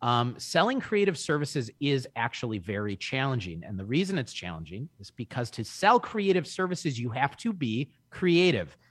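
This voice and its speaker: A man in his early forties, talking in a casual podcast chat with an emphatic, energetic salesman's delivery. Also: mid-range voice, moderate pace, hardly any pauses, dry recording, clean studio sound. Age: 40s. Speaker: guest.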